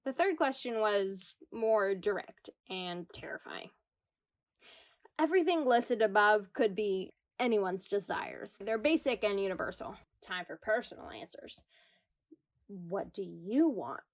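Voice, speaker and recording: An actress voices an anxious, self-deprecating woman in existential crisis, narrating a confessional radio comedy monologue with wry, dramatic flair. Her mid-range voice is animated yet a little slow.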